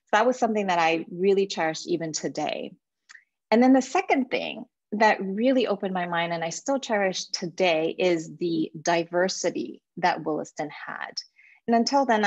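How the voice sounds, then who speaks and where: A woman's voice: lowish voice, dry recording, highs cut off. A woman in her forties from Japan, a life coach giving an earnest talk to alumni with a few fillers. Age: 40s. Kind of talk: presentation to alumni.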